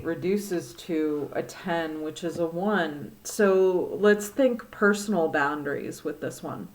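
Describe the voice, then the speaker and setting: A woman with a Midwestern accent talks through a divination reading at a slow, leisurely pace. Her voice sits on the lower side, and she muses aloud with frequent pauses and fillers. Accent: Midwestern American. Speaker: tarot reader.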